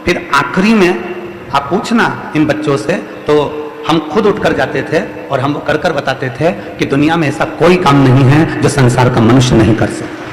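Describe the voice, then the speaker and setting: Speaking a little slowly in a fairly high voice, this man delivers a devotional sermon to a big crowd at an outdoor religious event, his Hindi carrying a Madhya Pradesh accent. His preaching is rhetorical and emphatic, with lines repeated for effect. There's slight background noise, long echoing reverb as in a hall, and faint music.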